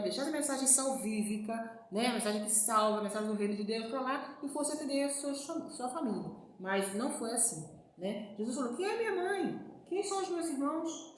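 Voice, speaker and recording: A Brazilian woman with a fairly high voice gives a loose, conversational sermon and keeps checking in with her listeners. Her voice rings through a very echoey room, with faint noise underneath. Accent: Brazilian Portuguese. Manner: chatty, frequent "né, gente" asides. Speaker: preacher. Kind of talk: informal sermon.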